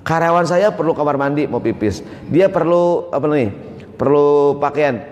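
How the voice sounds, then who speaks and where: A man preaching a sermon in a mosque, lively and joking, often asking the audience questions. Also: fairly high pitch, normal speed. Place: large mosque hall. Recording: echoey mosque hall.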